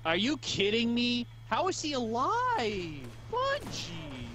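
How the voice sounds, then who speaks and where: Screaming high-pitched male game streamer. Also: wildly swooping pitch, takes it slowly, pushed and bright, soft background music. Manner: screaming, exasperated, foul-mouthed. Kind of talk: excited gaming commentary.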